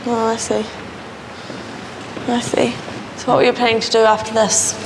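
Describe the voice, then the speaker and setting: A woman's voice: on the high side, flat delivery, normal speed. A woman, a police officer asking questions and relaying answers casually. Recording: noisy location sound with vehicles.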